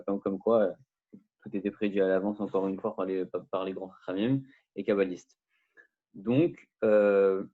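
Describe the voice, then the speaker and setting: A man giving an informal religious lesson, speaking haltingly with many repeated words and restarts. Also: lowish voice. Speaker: religious class teacher. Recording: narrow phone-like sound.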